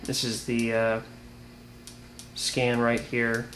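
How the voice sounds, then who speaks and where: An American video reviewer demonstrates a product informally, plain-spoken and unhurried. His mid-range voice is a bit bright but completely flat in delivery, and the amateur video audio is clearly noisy.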